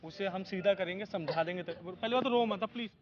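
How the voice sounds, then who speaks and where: A man's voice: high-pitched, fairly quick, muffled recording, crowd noise. A man hosting a prank video, addressing viewers and reassuring a woman outdoors. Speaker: host. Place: outdoors in a park.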